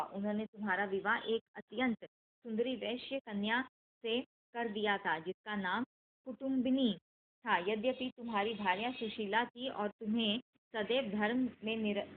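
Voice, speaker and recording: A woman reading the part of a wise old male sage, calm and stern, in a steady, measured devotional scripture reading over a tinny phone-like line. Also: medium pitch, a little hiss or hum, natural voice.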